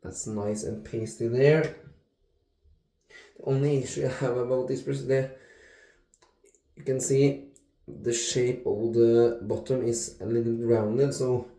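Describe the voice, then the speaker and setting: A man in his thirties hosting a casual shaving vlog, talking in a relaxed way with many fillers and restarts. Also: medium pitch. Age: 30s. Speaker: shaving video host. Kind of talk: casual talk-through vlog. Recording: echoey room.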